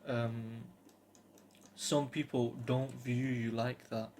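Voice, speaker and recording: A British vlogger in his twenties talks to camera casually and earnestly, hesitating and rambling, with faint background noise behind him. His mid-range voice is a little mellow, holds a level tone, and takes things slowly.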